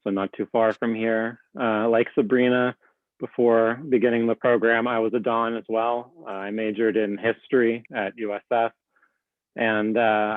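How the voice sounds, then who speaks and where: A young man from California introduces himself as a graduate student. His delivery is flat, with a few fillers. His video call audio is dry and phone-like. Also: medium pitch, dry recording. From Santa Cruz, California. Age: young adult. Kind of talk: casual self-introduction.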